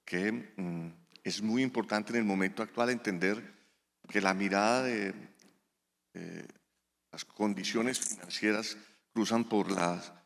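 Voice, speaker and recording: Low-pitched male executive on a panel, hesitant and repetitive in delivery. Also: gravelly. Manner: halting, many restarts, rhetorical repetition. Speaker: panelist, health insurer executive. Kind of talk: panel discussion answer. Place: conference hall.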